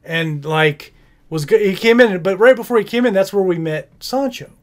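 High-voiced man rambling through a movie recap. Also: expressive, moderate pace. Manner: rambling, quotes scenes in silly voices. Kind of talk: casual movie recap chat.

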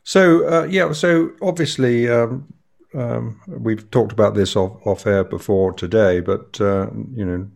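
Older guy, gravelly low voice, hesitant podcast chat. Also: darkish tone. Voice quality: hesitant, with fillers. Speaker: podcast co-host.

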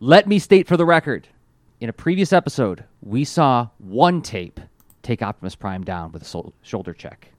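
A man co-hosting a podcast, chatting casually about a cartoon episode, excitable and quick to laugh. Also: mid-range voice, no room sound. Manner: excitable, laughs often, animated asides. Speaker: podcast co-host.

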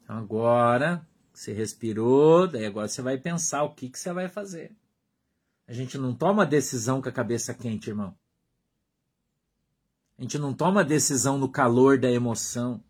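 A man preaching a sermon as pastor, in Brazilian Portuguese, emphatic, repeating short phrases and dropping to a hush. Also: mid-range voice, moderate pace, slightly rough.

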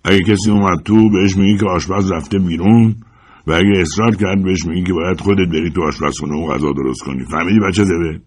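A man's voice: low voice, darkish tone, breathy edge. A man voicing a menacing adult male hired gunman who barks curt orders, in a dramatized audiobook. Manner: bossy, curt commands.

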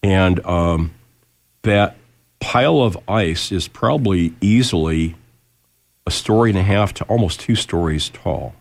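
A very low-voiced American man hosts a casual radio program. He sounds nasal, still recovering from a lost voice, and talks in a halting, folksy way. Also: lively intonation, vocal fry. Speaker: radio show host. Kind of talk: casual live radio talk.

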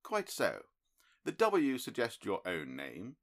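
Reading an audiobook, a man voices a calm, analytical middle-aged detective who lays out his reasoning in a crisp, precise, lecturing way. His lowish voice is pushed up, slow, and heavily acted.

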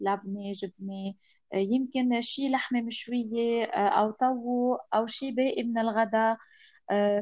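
A woman's voice: on the high side, darkish tone, dry recording. A woman with a Lebanese accent giving explanations as an expert guest in an interview, mixing in French and English words.

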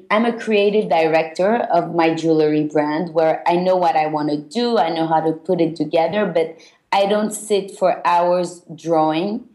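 A woman from Belgium, a guest on a podcast interview, speaking reflectively and haltingly with many fillers. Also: lowish voice, darkish tone, roomy sound.

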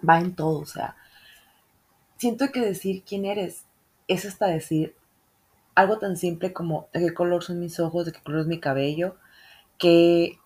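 Young northern mexican woman podcasting, low husky voice, swears a lot, super casual. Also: a little mellow. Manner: chatty, slangy, swears freely. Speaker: podcast host. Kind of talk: casual solo podcast chat.

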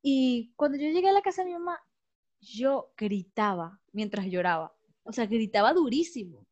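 A woman's voice: a little high, expressive, normal speed, a little mellow. A woman in a casual podcast chat, reflecting candidly and telling stories with animation. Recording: dull lo-fi recording.

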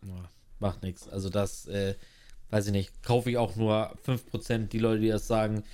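A man's voice: on the low side, little pitch movement, moderate pace, dark tone. A man on a casual podcast, blunt and slangy, ranting sarcastically with restarts and emphatic swearing. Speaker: podcast co-host. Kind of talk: casual chat.

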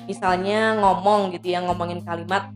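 A woman guest on a podcast chat, explaining speaking techniques in a relaxed, explanatory way and breaking into short demonstrations. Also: lowish voice, normal speed, music in the background. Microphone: podcast mic.

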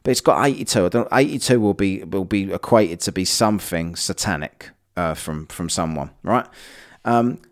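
Solo podcast host, man with a lowish voice, blunt and sweary. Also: moderate pace. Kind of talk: casual solo commentary.

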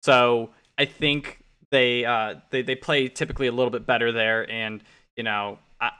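A man with a bright, forceful voice talks through football picks in a relaxed podcast chat. He gets animated as he acts out quotes, his voice jumping up when he plays other people. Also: medium pitch, normal speed, smooth. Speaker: podcast co-host. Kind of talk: casual sports betting chat.

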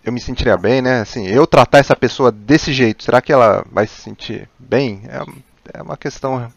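A man's voice: medium pitch, normal speed, vocal fry, dry recording, muffled recording. A man hosting a conversation, reflecting thoughtfully and framing his points as quoted inner thoughts.

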